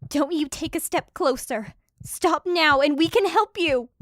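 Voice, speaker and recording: In an audio drama, a woman voices a protective fantasy heroine, bold and sarcastic, with a pointed, challenging delivery and a defiant mood. Her high voice is a bit bright and unhurried, and the recording is very dry.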